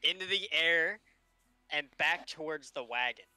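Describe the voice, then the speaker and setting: A man's voice: a little high, measured pace, bright, forceful tone, dry recording. A man talking casually as a player in a tabletop game.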